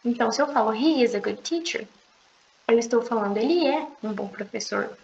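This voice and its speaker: A young woman teaching an online language lesson, explaining patiently and repeating slow, drawn-out pronunciation examples. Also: a little high, animated, creaky, a little mellow, a little hiss or hum. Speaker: English teacher. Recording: echoey room, dull lo-fi sound.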